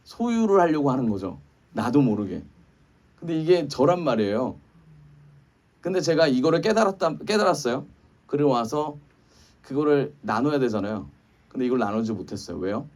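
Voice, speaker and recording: Man preaching lively, from a distance. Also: mid-range voice, normal speed, long pauses. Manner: conversational preaching with rhetorical questions. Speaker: pastor. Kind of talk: sermon. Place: church sanctuary.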